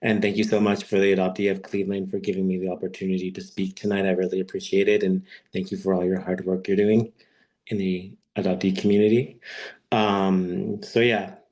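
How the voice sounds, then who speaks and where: A man in his thirties, from Peru and raised in Quebec, speaking as a guest on a video call and telling his story in a halting, unhurried way. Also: deep voice, level tone, darkish tone. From born in Peru, raised in Quebec, Canada. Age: 30s. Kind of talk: personal talk on an online webinar.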